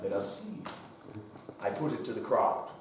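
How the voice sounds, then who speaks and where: An Australian man hosting a live comedy game, teasing the audience in a theatrical, mock-imperious way and bursting into shouted chants. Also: medium pitch, big pitch swings, moderate pace. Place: large hall with a live audience. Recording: echoey hall from a distance, crowd noise. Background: audience laughter.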